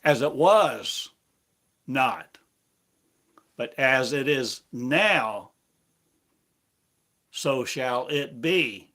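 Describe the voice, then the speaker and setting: Preaching a prophetic sermon in the voice of God, a man speaks slowly and solemnly, letting long pauses fall between phrases. His mid-range voice is expressive, pushed, and bright.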